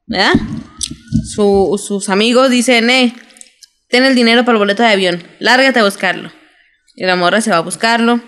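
A young adult woman with a Mexican Spanish accent, recapping a TV drama in casual, slangy, animated chat as a podcast co-host. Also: a little high, normal speed, pauses often. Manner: slangy, animated storytelling with quoted voices.

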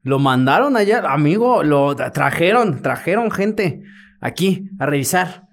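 A man's voice: on the high side, sing-song, a little slow. A man with a Mexican accent co-hosting a comedy podcast, joking and acting out voices as he retells stories. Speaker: podcast co-host. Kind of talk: comedic political podcast banter.

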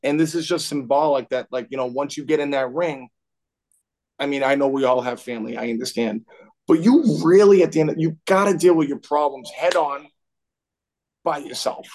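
A man's voice: fairly high pitch, moderate pace, darkish tone. A man with a Boston accent, a boxing trainer talking earnestly and loosely as a guest on a podcast. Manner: earnest, reflective, loose with fillers. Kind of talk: casual podcast interview.

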